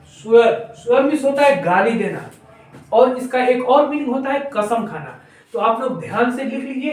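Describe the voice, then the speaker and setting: A male English teacher giving a whiteboard grammar lesson, spelling words out letter by letter and then explaining them slowly. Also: high voice, recorded from a distance. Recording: very echoey room, voice off-mic.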